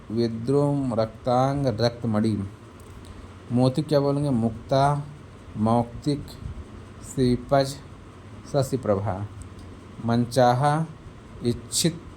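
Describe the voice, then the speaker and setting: A man's voice: mid-range voice, darkish tone, slight background noise. A man teaching an exam-prep Hindi lesson, reading out lists of synonyms one word at a time and asking the class quiz questions. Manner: slow, word-by-word listing with quizzing questions.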